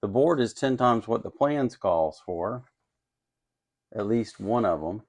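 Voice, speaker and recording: A man with a lowish, slightly mellow voice talks slowly and expressively as he works at the bench. He hosts an electronics kit-building channel, and his narration is casual and unscripted, full of musing and hesitation as he thinks out loud.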